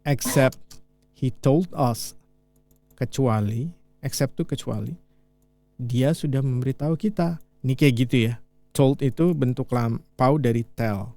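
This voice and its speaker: A male teacher from Indonesia giving a casual language lesson, repeating lines slowly and then explaining them in relaxed, chatty speech. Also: mid-range voice, no echo. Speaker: English teacher.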